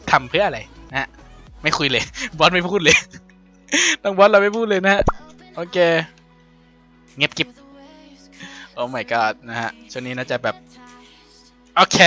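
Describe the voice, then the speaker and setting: A young man playing and commenting on a video game in a casual, playful way, laughing often and yelping when excited. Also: high voice. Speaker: gaming YouTuber.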